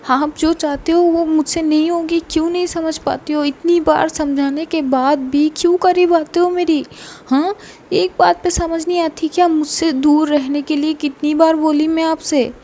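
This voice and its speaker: A woman's voice: high voice, steady tone, normal speed, mellow, slight background noise, voice pushed up. A woman voicing an upset young woman who insistently pleads with someone to stay away. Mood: angry. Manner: pleading, insistent, repeats please.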